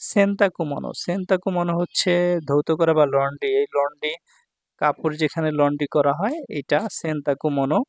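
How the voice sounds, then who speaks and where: A man's voice: on the high side, steady tone, fairly quick, dry recording, clean studio sound. A man from Bangladesh, patiently explaining Japanese vocabulary as a teacher and often checking that his students follow. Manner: explains patiently, checks in with "ঠিক আছে ভাই?".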